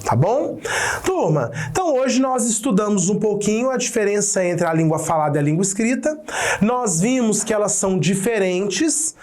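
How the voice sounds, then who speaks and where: Calm teacher giving a video lesson. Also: male voice, high voice, normal speed. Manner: calm, didactic, checks in with the class.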